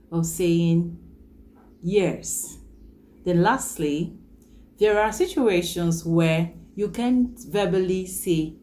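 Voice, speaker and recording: A woman teaching an English vocabulary lesson online, speaking slowly and deliberately and stressing key words. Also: on the low side, mellow, slight background noise. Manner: slow, deliberate teaching delivery with emphatic yeses.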